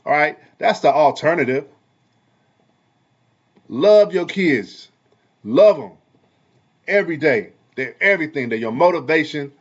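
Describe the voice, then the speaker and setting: A man who is a parent and a barber, talking heatedly in a casual commentary vlog, repeating himself in a preachy way and swinging between loud and soft. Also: fairly high pitch, expressive, normal speed, lo-fi sound. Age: adult parent. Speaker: vlogger and barber.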